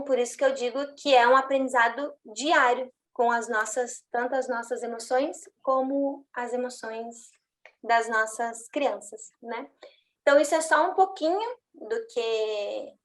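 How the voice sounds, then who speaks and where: A woman's voice: on the high side, unhurried. A woman speaking as a parenting mentor, chatting in a live online talk and answering questions from the chat, with frequent "né?" tags and restarts. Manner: conversational, frequent "né?", many restarts.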